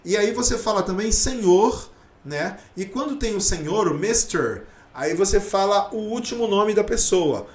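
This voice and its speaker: Man, fairly high voice, English teacher, casual lesson, patient explaining, checks in often, echoey room. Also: animated, unhurried.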